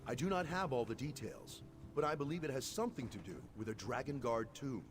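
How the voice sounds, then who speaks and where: A man plays an earnest, honorable sword apprentice in a fantasy game, speaking briskly in a natural, mid-range voice. His formal, solemn lines have an urgent, herald-like delivery.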